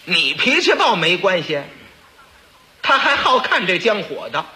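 A man's voice: sits high, sing-song, measured pace, sharp tone, low-quality recording. Male comic storyteller. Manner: chatty, stammering asides to the audience.

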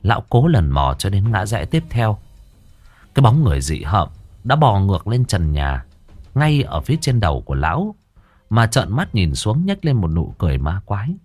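A man narrating a horror story in a lively, dramatic way. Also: fairly low pitch, moderate pace, no echo.

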